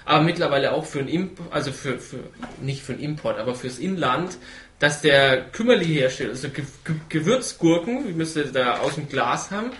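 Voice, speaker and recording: A man's voice: a little high, lively intonation, fairly quick, a bit bright, reverberant, a little hiss or hum. A man hosting a radio show, chatting casually and laughing easily, often restarting his sentences. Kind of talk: casual studio banter.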